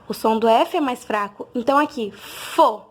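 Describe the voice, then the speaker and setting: High-voiced teacher sounding out letters. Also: female voice. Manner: patient, sounds out letters slowly and clearly. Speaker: literacy teacher. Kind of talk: instructional video for parents.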